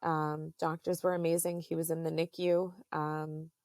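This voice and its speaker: A woman in her thirties, a podcast guest, telling a personal story in a halting, earnest way with many fillers. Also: deep voice, little pitch movement, a little mellow, no echo, studio quality.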